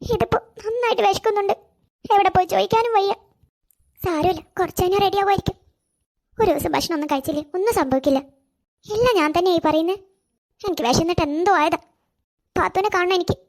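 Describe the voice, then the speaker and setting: A woman's voice: fast talker, long pauses. A woman voicing a hungry, sad little girl in a cartoon, speaking in a plaintive, childlike way. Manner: high childlike voice, plaintive and self-pitying. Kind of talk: cartoon voice acting.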